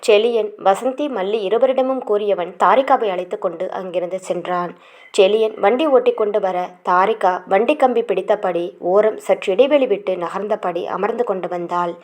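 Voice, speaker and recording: Female audiobook narrator, romance serial, steady and even. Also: medium pitch, normal speed. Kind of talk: scripted narration of a romance novel.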